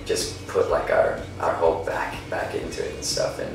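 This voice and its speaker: A very deep-voiced man rambles loosely through his answers, circling back with restarts and fillers. He sits far from the mic in a very echoey space with music playing behind. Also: sing-song, moderate pace, vocal fry, noisy background. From Denmark. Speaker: singer. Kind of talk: casual interview.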